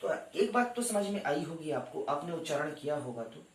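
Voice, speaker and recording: His voice runs on the high side with a sing-song lilt and a normal speed, captured by a far-off mic in a roomy room. The man is delivering a step-by-step exam-prep grammar lesson, politely calling students "sarkar" and counting down for screenshots.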